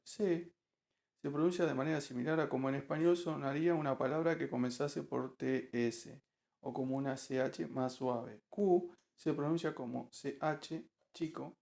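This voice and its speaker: A man reading a nonfiction audiobook aloud in a measured, careful narration. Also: on the high side, vocal fry, darkish tone.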